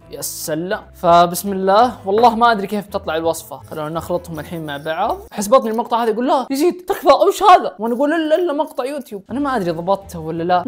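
A young man, chatting casually and jokily as he tries out food recipes on camera, with animated exclamations. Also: high voice. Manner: animated, jokey, exclaims while tasting. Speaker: food challenge YouTuber. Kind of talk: casual vlog chat.

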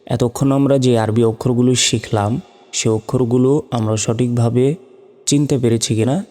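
A man teaching Arabic letter pronunciation in a slow step-by-step lesson, drawing out and repeating each sound. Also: medium pitch, fairly even intonation, mellow. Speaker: Quran teacher. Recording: long hall reverb with faint music.

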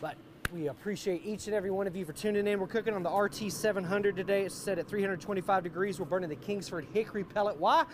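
Middle-aged American man, jolly grill-dad cooking host, high-pitched voice, outdoors with some background noise. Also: fast. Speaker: host, barbecue cook. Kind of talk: live cooking show presentation. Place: outdoor wooden deck.

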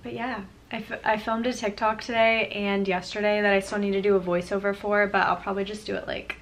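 A woman's voice: medium pitch, level tone, fairly quick, fairly bright tone, a little hiss or hum. Woman in her twenties, casual vlog talk, lots of filler words, level intonation, close camera mic in a small room. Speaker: vlogger. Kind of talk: casual late-night chat to camera. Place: small bedroom at a desk.

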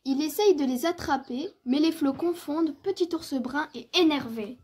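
A woman reading a picture book aloud for children, clear and expressive, as the storyteller. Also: high voice, normal speed.

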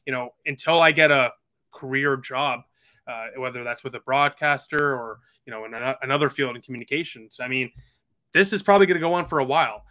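A man of about twenty appears as a podcast guest over a video call, chatting earnestly and casually with lots of fillers. His mid-range voice comes across fairly quick, pushed and bright.

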